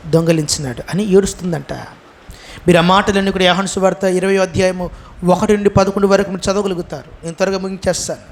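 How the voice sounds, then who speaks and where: High-voiced Telugu pastor preaching. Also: male voice, steady tone, quick pace. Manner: call-and-response preaching, asks the congregation to answer; acts out quoted lines with a rising, shouted voice. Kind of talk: sermon.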